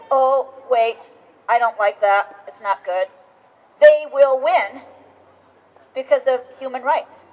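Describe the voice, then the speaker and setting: A woman with a high voice delivers a political speech outdoors at a rally. She is emphatic and insistent, often restarting her phrases as she presses each point. She sounds middle-aged. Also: a little mellow, rough recording. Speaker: rally speaker. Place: outdoors on capitol steps.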